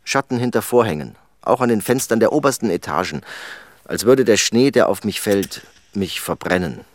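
A man voicing a deep-voiced, brooding loner. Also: no room sound, clean studio sound, natural voice. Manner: calm, sparse replies; slow poetic monologue. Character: quiet, brooding man far from home. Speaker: friend, immigrant worker.

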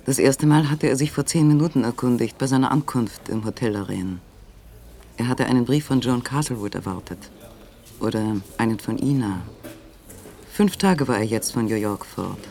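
A man narrating a radio play in a calm, measured way. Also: mid-range voice, creaky.

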